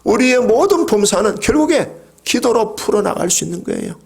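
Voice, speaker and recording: A middle-aged male pastor delivers a Sunday sermon in a fairly high voice that leaps up and down. He talks calmly at times and then rises to loud, impassioned cries. He has the congregation repeat phrases after him. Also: brisk, gravelly. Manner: swings from calm talk to loud impassioned cries; leads the congregation in call-and-response.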